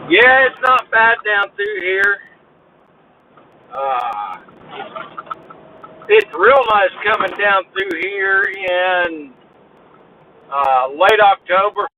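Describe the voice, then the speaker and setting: Man, truck driver, live stream chat, drawling, high voice, muffled phone audio. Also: animated, extremely slow, pauses often. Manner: drawling, talks to chat viewers by name. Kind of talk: casual chat with live chat viewers. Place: truck cab on the road. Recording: dull phone recording with road noise.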